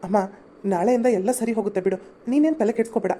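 Woman playing an exasperated cartoon elder son, mellow, placating. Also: medium pitch, expressive, racing, pitched below the performer's own voice, lightly acted.

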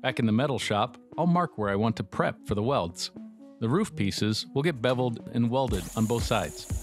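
A man's voice: mid-range voice, expressive, normal speed. A middle-aged man giving dry, matter-of-fact scripted narration for a metal workshop how-to, with wry asides. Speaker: metalworking instructor. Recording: voice-over with music bed.

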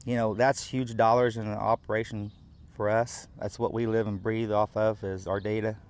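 A man's voice: lowish voice, flat delivery, normal speed, a little mellow. A middle-aged man, a farmer speaking practically in an on-camera interview outdoors, with fillers. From United States.

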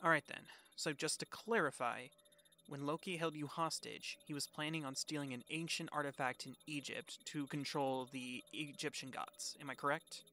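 A man playing a dutiful government agent in a fan audio roleplay, speaking in a brisk, official way. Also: a little high, steady tone, bright, forceful tone. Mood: businesslike.

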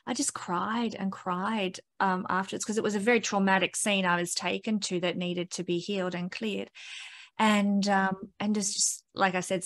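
A woman's voice: mid-range voice, fairly bright tone. A woman hosts an interview from home over a laptop webcam. She reacts effusively and enthusiastically to her guest and draws her out with long, admiring questions. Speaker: astrologer host. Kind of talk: casual video-call interview. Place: home room. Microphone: laptop webcam on video call.

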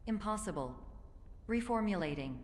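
A woman voicing a malfunctioning therapy computer, a glitching automated system voice making flat, clinical announcements. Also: medium pitch, moderate pace, in a large hall.

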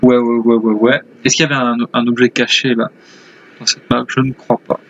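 A man's voice: mid-range voice, flat delivery, brisk, fairly bright tone, lo-fi sound, slight background noise. Chatty man commenting on a game. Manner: rambling, chatty. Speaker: gaming video host. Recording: faint game ambience behind voice. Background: video game sounds.

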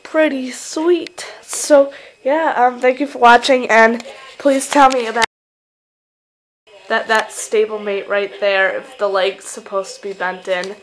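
This low-quality recording captures a fairly high, evenly intoned voice speaking unhurriedly. It belongs to a teenage model horse hobbyist with a New York accent, who rambles chattily with lots of fillers while filming a casual show-and-tell vlog on a handheld camera in her bedroom at night.

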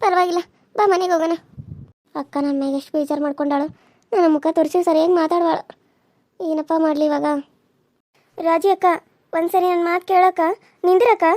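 A woman's voice: very high voice, fairly even intonation, brisk, long pauses, mellow, no room sound, studio quality. Woman voicing earnest young village girl. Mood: coaxing. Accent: North Karnataka. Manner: coaxing, apologetic. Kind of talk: cartoon serial voice acting.

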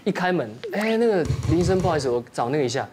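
A man's voice: a little high, rapid-fire, noisy background. A man, a guest on a talk show, telling an anecdote casually and acting out the people in it. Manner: animated storyteller acting out quoted people.

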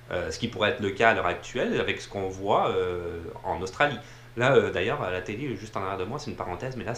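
A man talks through films in a loose, rambling way, full of fillers and restarts. His voice sits fairly low. The room is echoey, with a faint background hum. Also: a bit bright. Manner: rambling, many fillers and repeated words. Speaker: film reviewer. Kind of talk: casual film review talk. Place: room with a TV playing behind him. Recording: roomy echo, faint ambient noise.

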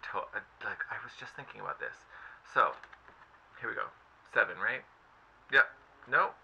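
A man's voice: fairly low pitch, sing-song, moderate pace, vocal fry, sharp tone, slightly rough. A man giving a casual, enthusiastic tarot reading, chatty and effusive, with lots of fillers. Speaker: tarot reader. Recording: slightly dull lo-fi audio with faint noise.

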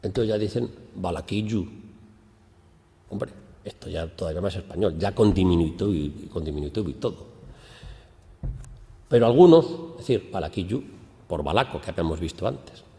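A man's voice: sits low, fairly quick. Man lecturing in an echoing hall. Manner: explanatory, lively emphasis on questions. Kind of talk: academic lecture. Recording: long hall reverb.

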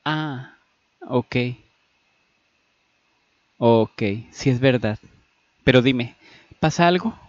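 Un hombre dando voz a Candy, una joven insegura y tímida que titubea y se atropella al hablar. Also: male voice, medium pitch, extremely slow, long pauses, dry recording, highs cut off, voice pushed up. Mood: flustered. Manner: hesitant, stammering and flustered. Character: Candy, shy young woman, insecure and easily flustered.

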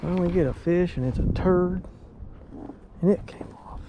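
A man's voice: sits high, normal speed, dull audio. Folksy man on a windy boat. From Oklahoma. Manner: candid, folksy and emotional. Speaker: pro bass angler. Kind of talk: fishing vlog narration. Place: outdoors on a fishing boat on a lake. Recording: wind noise outdoors.

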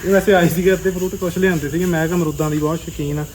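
Higher-pitched man, casual. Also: steady tone, racing, a crowd in the background, poor audio. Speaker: family vlogger. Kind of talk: casual chat and presenting to viewers.

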